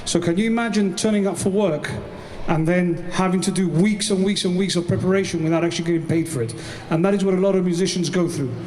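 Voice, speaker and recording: A man's voice: sits high, fairly quick, hardly any pauses, a little mellow. A man representing a musicians' union, giving an earnest rally speech and repeating words for emphasis. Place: outdoor rally. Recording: echoey outdoor PA with faint noise.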